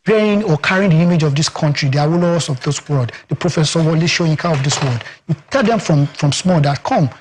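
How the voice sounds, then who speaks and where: Fairly quick and barely pausing, this slightly high male voice belongs to a Nigerian communications expert with a Yoruba accent, a guest in a TV studio interview, with a little hiss or hum audible. He's emphatic and rhetorical, relying on "guess what" and "you understand."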